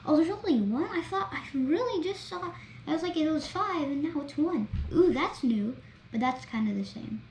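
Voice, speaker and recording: Woman, high voice, excitable gameplay commentary, mellow tone, roomy computer-mic recording with a faint hiss. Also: moderate pace. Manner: chatty, excitable, narrates each step. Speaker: gameplay vlogger. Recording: roomy echo, faint background noise.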